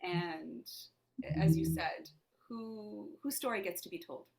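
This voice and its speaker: In a conversational interview, this woman talks slowly in a lowish, darkish voice with vocal fry, over a little hiss or hum. Born in Lebanon with Armenian as her first language, the actor and playwright sounds thoughtful and searching, posing questions to herself out loud.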